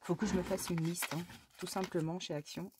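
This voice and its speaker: Working on her scrapbook for a casual crafting vlog, a woman from France speaks fairly quickly in a fairly low, flat-pitched voice over background noise. Between steps she murmurs to herself, reacts aloud to little mishaps, and speaks affectionately to her cat.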